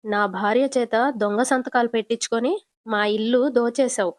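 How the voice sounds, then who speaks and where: A woman's voice: on the high side, fairly even intonation, normal speed, no echo, studio quality, lightly acted. A woman voicing an angry young husband who threatens a cheat and keeps demanding the truth. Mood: furious. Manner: threatening, shouting, repeating demands.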